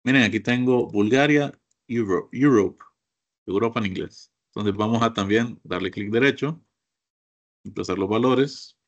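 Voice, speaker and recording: A man's voice: on the low side, normal speed, muffled recording. A man teaching a computer course, walking his class through each step and often asking them to look. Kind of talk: screen-share software lesson.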